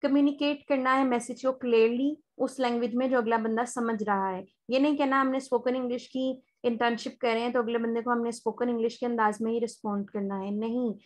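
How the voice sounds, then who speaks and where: A woman with a Pakistani accent teaching an online spoken English class, explaining step by step and slowing down for polite sample phone lines. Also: on the high side, fairly even intonation.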